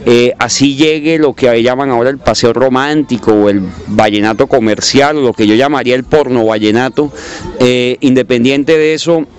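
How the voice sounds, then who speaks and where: A man of middle pitch thinks aloud in a measured, hesitant way, circling back to restart his phrases. The sound is dull and lo-fi, like an old local radio tape. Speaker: interviewee. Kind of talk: reflective spoken commentary. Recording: dull lo-fi recording.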